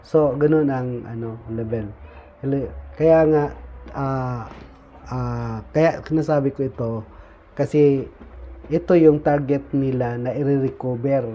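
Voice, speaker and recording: A man explaining levels of membership in an informal talk, pausing often on fillers and tagging lines with "no?". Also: medium pitch, fairly even intonation. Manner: frequent "no?" tag questions, halting with fillers. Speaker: speaker explaining insurgent recruitment levels. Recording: dull lo-fi recording with faint noise.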